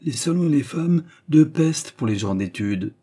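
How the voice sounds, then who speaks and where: Grumpy old professor guy, scornful, pitched up and huffy, man reading it. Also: lively intonation, measured pace, dark tone, slightly rough, heavily acted. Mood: disdainful. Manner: grumbling, disdainful. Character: grumpy old male scholar, gruff and scornful.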